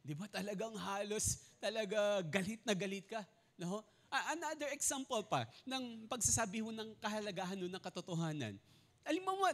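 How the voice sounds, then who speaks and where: A man preaching a sermon as pastor, his voice sitting high and swinging up and down with lively animation. He addresses the congregation politely, checking in with frequent questions. He leads them in reading aloud together. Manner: polite, tags many lines with respectful particles and "no?".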